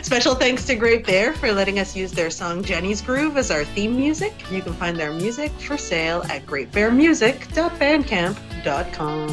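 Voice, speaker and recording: Laid-back woman cohost on a book podcast, lots of ums, mid-pitched. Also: moderate pace, few pauses, music in the background. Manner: relaxed, hesitant with ums and repeats. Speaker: podcast co-host. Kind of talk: casual book chat.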